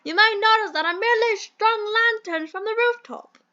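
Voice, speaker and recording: A woman plays a pompous yet cheerful old-fashioned British gentleman boss in a comic audio drama, full of theatrical, quaint exclamations. Her pitch is extremely high and her speed normal, with lo-fi sound quality. The mood is jolly and pompous.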